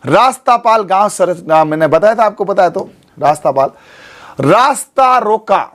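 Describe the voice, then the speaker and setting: A man's voice: sits high, expressive, normal speed. A man, teaching an exam coaching class in a studio. He keeps checking in with his students as he goes.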